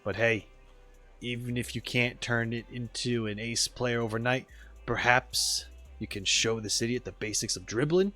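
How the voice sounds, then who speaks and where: A man voicing a bossy robot soccer coach, sharp and scolding. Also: medium pitch, moderate pace, faint music behind, pitched below the performer's own voice, natural voice. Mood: grumbling. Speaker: streamer reading game dialogue aloud. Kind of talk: voice acting game dialogue on stream.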